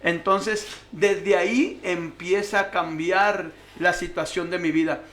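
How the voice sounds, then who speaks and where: A man with a high, bright voice tells his own life story as a radio guest. He acts out the guards and officials in his story as he goes. The sound is close and clear, as from a studio mic. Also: fairly even intonation, slow pace. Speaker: guest sharing testimony. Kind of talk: emotional personal testimony.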